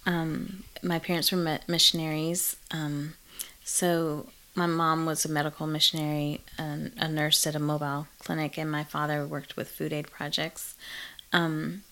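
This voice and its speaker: A middle-aged woman with a notably low voice talks through her experiences as a therapist. She speaks in a relaxed, reflective way, pausing with small fillers as she goes. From Malawi. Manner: reflective, frequent ums and laughs. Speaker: therapist in private practice. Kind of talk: casual interview conversation.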